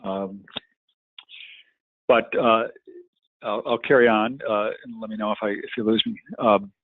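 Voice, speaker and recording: A man's voice: lowish voice, steady tone, dry recording. Man presenting over a tinny, cutting-out connection. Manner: halting, many fillers. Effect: bad online connection, cutting out. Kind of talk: webinar presentation to lawyers. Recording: tinny lo-fi online audio.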